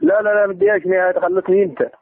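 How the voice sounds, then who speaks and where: A man's voice: high-pitched, huge pitch swings, very fast, vocal fry. An Algerian man on a phone call, exasperated and insistent, arguing combatively as he demands to be paid back. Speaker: caller demanding repayment of a debt. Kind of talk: heated argument over the phone. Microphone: telephone. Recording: tinny, band-limited phone line.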